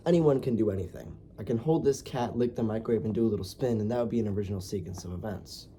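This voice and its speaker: A man's voice: lowish voice, fast, dark tone, a little hiss or hum. A man narrating a comedic video essay, sarcastic and jokey, full of rhetorical questions.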